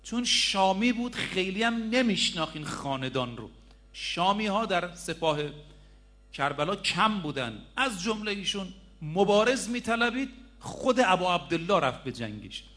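A man's voice: sits high, sing-song, pushed and bright. A middle-aged man preaching a sermon, telling a story and speaking straight to his listeners. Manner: storytelling, addresses listeners directly.

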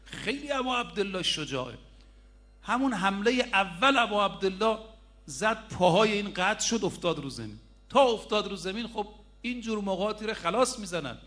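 High-voiced man preaching a sermon. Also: expressive, fairly bright tone. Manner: storytelling, addresses listeners directly.

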